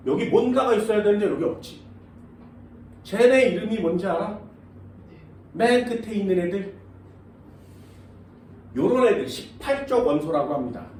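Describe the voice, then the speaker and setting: A man's voice: high-pitched, darkish tone. A man teaching science to a class, often checking whether students follow. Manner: questioning students often, casual banmal mixed with polite speech. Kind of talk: classroom lecture. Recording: echoey classroom from far off, faint noise.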